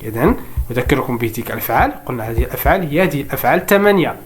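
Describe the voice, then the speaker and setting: A man teaching French grammar in Arabic, explaining quickly and then slowly spelling out French verb forms one by one. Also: mid-range voice, lively intonation, a little hiss or hum. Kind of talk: bilingual grammar lesson.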